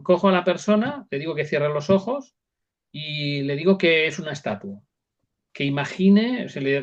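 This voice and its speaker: Hombre que explica pausado, con sonido apagado. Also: male voice, fairly high pitch, highs cut off. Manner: explains with examples, repeats words, thinks aloud. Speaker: psychologist and hypnotherapist guest. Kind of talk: casual interview talk.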